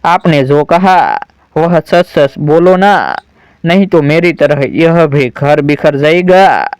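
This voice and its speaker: A man's voice: on the high side, slow, smooth, no room sound. A man voicing an outspoken young sister-in-law in a spoken story, reading her lines plainly. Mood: protesting. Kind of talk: storybook narration.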